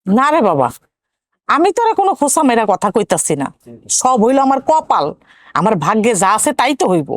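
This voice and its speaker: A woman's voice: fairly high pitch, sing-song, a little fast. An actress playing an older village mother who complains bitterly and blames her fate. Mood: resigned. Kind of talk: TV drama acting.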